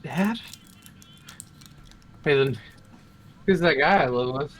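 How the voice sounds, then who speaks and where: A man's voice: on the high side, takes it slowly, fairly bright tone. A man chatting casually with fellow players on a live stream, loose, joking and enthusiastic. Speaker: tabletop game player.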